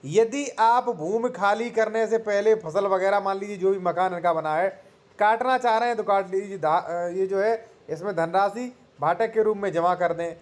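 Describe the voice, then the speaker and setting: A man hosting a legal advice channel, explaining a court order in a conversational way, reading figures from the document and often pausing to check in with listeners. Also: high-pitched. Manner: conversational, repeats "theek hai" to check in with listeners; explains slowly, reads figures from a document and restates them. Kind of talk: casual explainer to camera.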